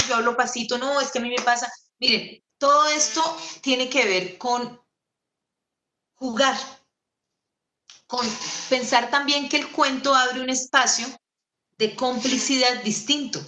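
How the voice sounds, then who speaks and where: A woman's voice: high-pitched, moderate pace, sharp tone. Theatrical Colombian woman storyteller. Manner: theatrical, playful, shifting into put-on voices. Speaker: storyteller giving a lecture. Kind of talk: animated lecture. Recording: echoey room.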